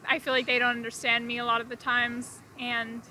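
Young woman, high voice, very bright, flat delivery, hesitant answers. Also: fairly quick, a little hiss or hum. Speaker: interviewee. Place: outdoor city street. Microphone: handheld mic.

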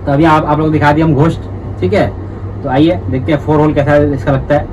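With a fairly high, steady voice and a brisk pace, this Indian hookah tutorial host walks through a setup in a casual how-to. He's chatty and repetitive, addressing viewers as brothers. The sound is distant and dull, and noise runs underneath.

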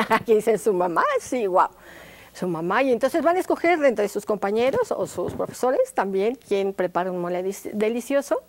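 A woman's voice: mid-range voice, very animated, moderate pace. A woman, a music teacher on a children's educational show, coaxing the audience into call-and-response. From Mexico. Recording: music playing behind the voice.

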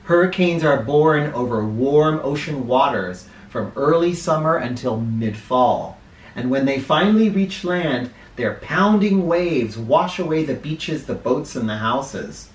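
A middle-aged American man of medium pitch reads a children's picture book aloud, playing host and adding spoken asides. He is expressive and dramatic, leaning on words deliberately. It is recorded indoors in a small living room with roomy, echoey acoustics.

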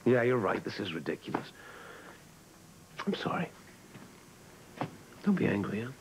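A man's voice: on the low side, very animated, measured pace, gravelly, noisy background, full character voice. A man acting in a daytime soap opera as a husband and club owner who sounds defensive, evasive and pleading.

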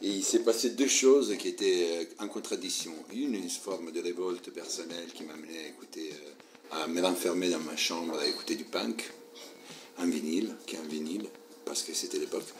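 An Italian-accented man answers interview questions in French, hesitating with frequent fillers and restarts. His voice sits very low, with a faint room ambience behind it. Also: fairly quick, noisy background. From Southern Italy. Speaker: guest interviewee. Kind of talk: casual interview.

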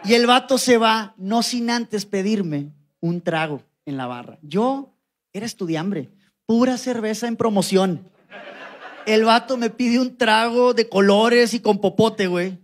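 A young man with a Mexican Spanish accent telling a comic story on stage, slangy and animated, now and then mimicking the people in it. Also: high-pitched, a little slow. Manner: slangy, animated, mimics voices in quoted lines. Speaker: stand-up comedian. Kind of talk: stand-up storytelling. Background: audience laughter.

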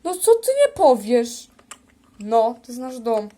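A woman with a high voice improvises a toy role-play, playing several squabbling characters. She talks at an unhurried pace and jumps playfully from one voice to the next. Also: very animated, dark tone. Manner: playful, bickering, switches between character voices. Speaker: toy video creator.

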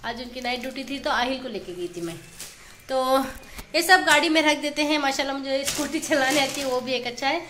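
A woman's voice: high voice, a little fast, pushed and bright, slight background noise. A woman in her thirties filming a casual home vlog in a small kitchen with a phone at arm's length, chatting in a homely, rambling way. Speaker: vlogger, mother. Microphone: phone held at arm's length.

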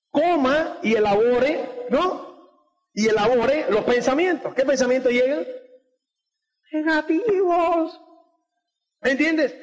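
A man with a very high-pitched voice gives a motivational talk to a seated audience. He keeps throwing in quick tag questions to check that his listeners follow. The recording carries the long, lingering reverb of a large hall. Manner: peppers speech with tag questions like "do you get it?"; acts out quoted dialogue. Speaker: motivational speaker.

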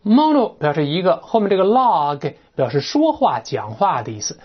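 Chatty English teacher, lively swooping delivery, dull lo-fi recording. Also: mid-range voice, moderate pace, slightly rough. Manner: animated, chatty, imitates sounds, often asks "right?". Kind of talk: classroom-style lecture on vocabulary.

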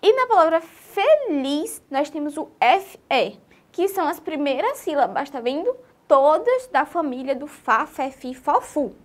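A Brazilian woman teaching a literacy lesson to young children, in an animated, sing-song way and speaking straight to them. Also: high-pitched, a little slow. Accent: Brazilian Portuguese.

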